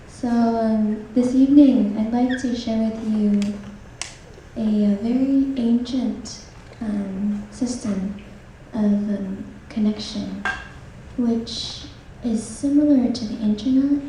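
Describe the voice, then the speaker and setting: A woman gives a gentle talk to an audience, slow and pausing often. Her voice is very dark and mellow. She sounds a little far from the mic in a very echoey hall. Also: fairly high pitch, a little hiss or hum. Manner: gentle, unhurried, frequent "um"s. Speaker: speaker at a talk. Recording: roomy hall, speaker off-mic.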